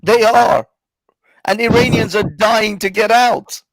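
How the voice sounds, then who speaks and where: A man from Iran in a heated, casual debate, forceful and profane, repeating himself to press his point. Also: high-pitched, fairly even intonation, takes it slowly, dry recording.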